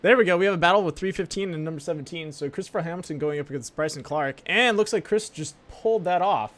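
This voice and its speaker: A man's voice: fairly high pitch, fast talker, fairly bright tone. A man working as a sim racing commentator, calling the action live in an informal, chatty, jokey way like a casual motorsport commentator.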